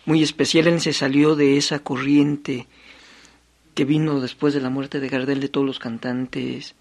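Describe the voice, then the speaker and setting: A man's voice: medium pitch, level tone, unhurried, vocal fry. A man, a music historian on a radio program, telling stories in a conversational way with frequent tag questions. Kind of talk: casual radio chat.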